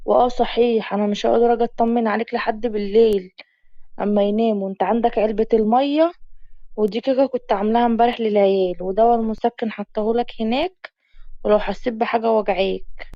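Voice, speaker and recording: A woman's voice: fairly high pitch, fairly even intonation, fast talker, dry recording, natural voice. Woman voicing a chatty Egyptian teenage girl. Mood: earnest. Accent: Egyptian Arabic. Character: kind, chatty 18-year-old village girl. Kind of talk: dramatized story reading. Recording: muffled lo-fi recording.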